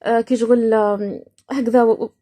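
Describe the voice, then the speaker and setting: A woman's voice: fairly high pitch, little pitch movement, normal speed, dark tone. A woman from Iraq hosting a podcast, casually explaining words and laughing often between points. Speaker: podcast host.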